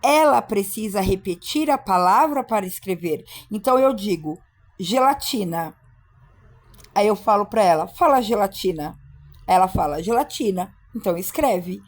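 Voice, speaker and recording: A woman explains classroom practice to teachers in a firm, emphatic way. Her voice sits in a middle pitch. She slips into short acted exchanges between teacher and child. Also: lively intonation, moderate pace. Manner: emphatic, acts out classroom dialogues. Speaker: teacher trainer. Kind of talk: instructional talk for teachers.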